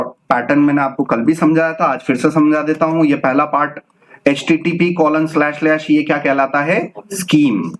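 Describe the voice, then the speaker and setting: A man's voice: a little high, a little hiss or hum. An Indian man teaching a live coding class, mixing English terms into Hindi and often checking in with his students. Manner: explains with frequent "ठीक है ना?" check-ins. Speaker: instructor.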